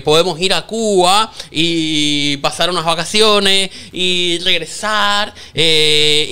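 A man's voice: a little high, pushed and bright, smooth. A man with a Cuban accent, hosting a satirical commentary in a mocking, sarcastic, joking way. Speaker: commentary host.

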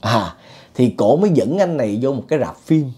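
A man recounts a spooky tale in a relaxed, conversational way. His voice sits at an ordinary pitch with a dark, mellow tone. He talks loosely, with fillers and the odd chuckle. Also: moderate pace. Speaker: ghost story teller. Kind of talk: casual spoken storytelling.

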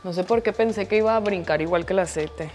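A woman's voice: mid-range voice, fast talker, a little mellow, long reverb tail, faint music behind. A woman with a Mexican accent chatting casually while she cooks in her home kitchen, self-mocking and swearing freely, filmed on a phone. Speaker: cooking vlogger. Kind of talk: casual cooking vlog chat. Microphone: phone camera.

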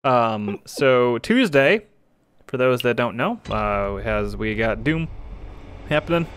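A man's voice: medium pitch, lively intonation, slow, fairly bright tone, smooth. A man chatting casually while he plays a game on a stream. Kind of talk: casual chat while playing.

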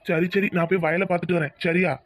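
Fast-talking man voicing a village father. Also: sits high, flat delivery, fairly bright tone, dry recording. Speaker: voice actor for a village cartoon series. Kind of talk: cartoon voice acting as a village father.

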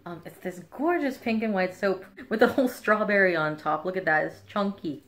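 A young woman chatting casually and excitably to camera in a living room, like an unboxing vlogger. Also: medium pitch, normal speed. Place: living room, indoors on a couch.

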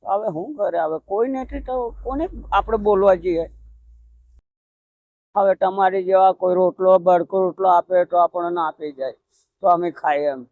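Elderly man from Gujarat, high thin voice, dry close sound; halting and plaintive, repeats himself. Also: no room sound, phone-quality sound. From Pavagadh, Gujarat. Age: older. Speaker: interviewee. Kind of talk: emotional conversational interview. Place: outdoors by a roadside hut.

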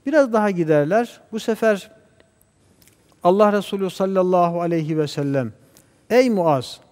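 A man speaking as a guest scholar on a religious TV program, talking in a measured, preacher-like way and reciting Arabic verses. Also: high voice, darkish tone, big-room sound. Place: TV studio.

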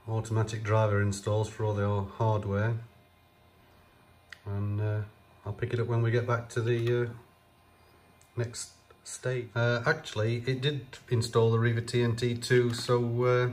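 Low flat-voiced man, thinking aloud. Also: measured pace, a little hiss or hum. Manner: hesitant, many fillers, thinking aloud. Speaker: computer restoration vlogger. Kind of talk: casual off-camera commentary.

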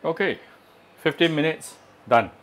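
With a fairly high, fairly bright voice and an unhurried delivery, a home cooking channel host works at his kitchen stove. He chats casually, explains each step and leans on frequent "uh"s.

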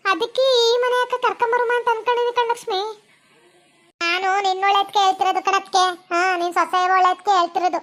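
A woman's voice: very high-pitched, fairly bright tone. A woman playing a bossy village woman who insists on her advice, in a village family drama.

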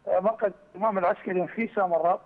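A man's voice: high voice, fairly even intonation. Iraqi man calling in on a headset phone. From Iraq, Kirkuk. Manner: earnest, argumentative, fast. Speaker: caller. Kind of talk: call-in political comment. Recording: thin phone line, distant, reverberant.

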